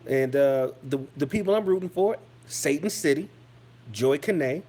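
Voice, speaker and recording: A man's voice: on the high side, lively intonation, unhurried, mellow. A man delivering a heated, mocking, profane rant as a vlogger, often stumbling and repeating phrases. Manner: heated, mocking, swears constantly; stammering restarts and repeated phrases. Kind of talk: profane ranting commentary.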